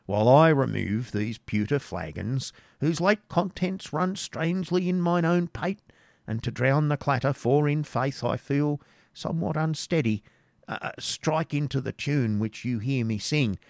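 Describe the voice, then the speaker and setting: A man voicing a jovial, tipsy male hermit friar with a hearty, booming delivery. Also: expressive, unhurried, vocal fry, dry recording, studio quality.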